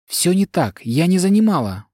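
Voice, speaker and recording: A man's voice: a little high, expressive, normal speed, a little mellow, dry recording, clean studio sound, pitched above the performer's own voice. A man voicing a flustered, defensive woman. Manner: agitated, self-justifying, tearful. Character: frightened, defensive middle-aged woman, a lecturer. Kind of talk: audiobook character dialogue.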